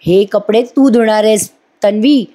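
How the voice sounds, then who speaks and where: A woman's voice: mid-range voice, a little slow, dark tone, close to an everyday voice. A woman voicing a stern elderly matriarch in a serial recap, scolding and giving orders. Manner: scolding, commanding. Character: stern elderly grandmother, head of household.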